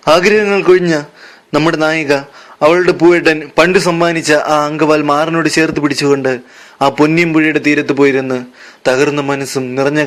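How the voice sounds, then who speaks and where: A male storyteller narrating a comic tale in a dramatic, mock-grand manner. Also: a little high.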